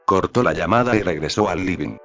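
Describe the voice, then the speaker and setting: A man with a low voice reads a story aloud at a steady, even pace. The recording sounds a little dull, and faint music plays underneath. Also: brisk. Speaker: narrator. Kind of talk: fan fiction reading. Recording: slightly dull audio with faint background music.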